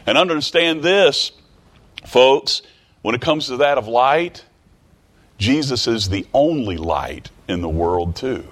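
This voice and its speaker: A man's voice: mid-range voice, animated, unhurried. A man preaching a sermon in a folksy, way. He repeats phrases and climbs to emphatic peaks. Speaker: pastor.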